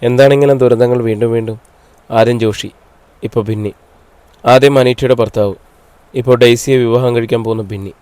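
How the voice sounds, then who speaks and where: A man's voice: mid-range voice, steady tone, a little fast, pauses often, a little mellow, clean tone, no room sound, close to an everyday voice. A man reading the lines of a worried male friend who drives the women, in an earnest, concerned tone.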